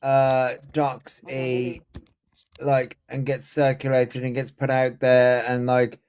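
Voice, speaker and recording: A man chatting casually on a live stream in a hesitant, halting way. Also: medium pitch, monotone, a little mellow, a little hiss or hum.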